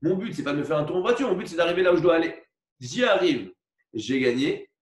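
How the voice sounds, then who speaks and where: A man teaching a religious lesson, explaining slowly with many repetitions and asides and asking for agreement. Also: on the high side, lively intonation. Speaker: Torah teacher. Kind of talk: religious lecture with a parable. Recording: echoey room recorded from far off.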